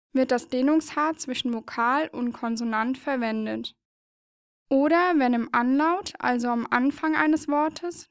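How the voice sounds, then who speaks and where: Clear, slow-spoken woman teaching. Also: sits high, dry recording, clean studio sound. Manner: patient and explanatory, spells out letters one by one. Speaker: narrator of a learning video. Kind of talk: scripted educational narration.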